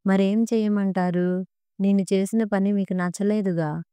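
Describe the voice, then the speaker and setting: A woman's voice: medium pitch, steady tone, normal speed, mellow, smooth, no room sound, lightly acted. A woman reading the part of a timid, hurt young wife in a storybook narration. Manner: hesitant, pleading.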